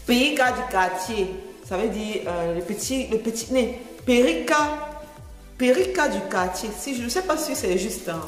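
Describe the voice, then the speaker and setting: A woman's voice: a little high, expressive, moderate pace, reverberant, in a large hall, soft background music. A woman from Cameroon with a Cameroonian French accent, chatting casually as a vlogger, explaining and repeating phrases and laughing often.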